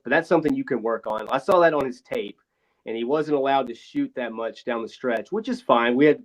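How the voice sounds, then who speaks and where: A man talking casually on a podcast, rambling and frank with the odd swear, his voice thin and boxy with no bass, like he is in a phone booth. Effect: thin boxy sound with no bass, like a phone booth. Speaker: podcast co-host. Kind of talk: casual sports chat. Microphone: failing wireless earbuds over a remote call. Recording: thin lo-fi earbud mic.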